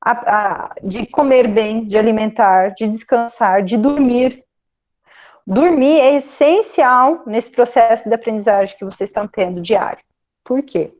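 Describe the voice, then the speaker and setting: A Brazilian woman psychologist giving a relaxed career guidance talk to students, often ending phrases with a questioning "né?". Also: a little high, measured pace, lo-fi sound. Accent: Brazilian Portuguese. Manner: conversational, frequent "né?" tag questions.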